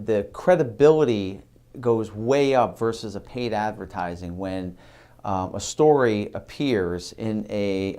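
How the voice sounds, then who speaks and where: A middle-aged man with a fairly low voice teaches a marketing lesson for a video. He talks in halting stretches, filling gaps with ums and uhs and restarting his phrases as he explains. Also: a little mellow, clear, resonant tone. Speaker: marketing instructor. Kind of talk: instructional video lecture.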